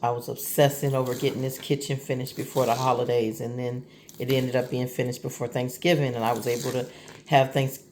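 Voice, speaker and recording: A woman's voice: extremely low pitch, level tone, brisk, darkish tone, a little hiss or hum. A woman giving an earnest, grateful testimony from her home kitchen, becoming tearful as she speaks. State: tearful, voice breaking. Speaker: vlogger. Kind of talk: heartfelt personal testimony.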